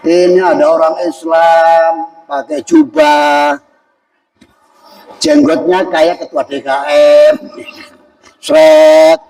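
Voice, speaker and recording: Animated, gravelly preacher in an echoey hall. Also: male voice, a little high, slow pace, recorded from a distance. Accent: Indonesian. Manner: jokey, animated, acts out quoted voices. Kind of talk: lively Ramadan sermon. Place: mosque hall at a fast-breaking event.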